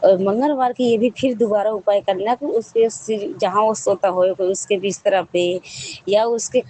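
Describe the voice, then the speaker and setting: A woman's voice: mid-range voice, moderate pace, dark tone, a little hiss or hum, low-quality recording. A woman sharing a devotional testimony with a congregation, telling her story in a rambling, repetitive way with frequent restarts.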